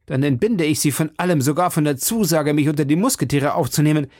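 A man's voice: mid-range voice, big pitch swings, normal speed, breathy edge, no echo, clean studio sound. A man reading aloud and voicing an eager, hot-headed young nobleman in a fervent manner. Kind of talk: audiobook reading.

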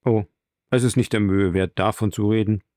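A man's voice: lowish voice, steady tone, normal speed, darkish tone, no echo, clean studio sound, natural voice. A man voicing a modest, reserved young cavalry captain in a read-aloud novel. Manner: modest, understated.

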